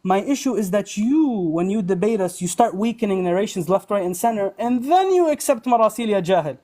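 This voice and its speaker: A high-voiced man argues in a heated online debate. He is combative and taunting, and he throws insults at his opponent as he makes his case. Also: expressive, a little fast, mellow.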